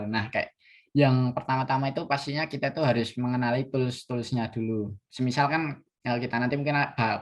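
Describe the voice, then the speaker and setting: A young man giving a casual online design class, talking hesitantly with many fillers and restarts. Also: medium pitch. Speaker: workshop speaker.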